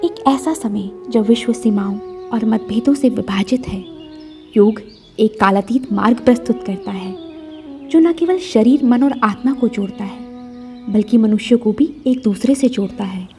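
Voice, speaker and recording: A woman giving formal, measured scripted narration for a government podcast. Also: on the high side, dark tone, soft background music.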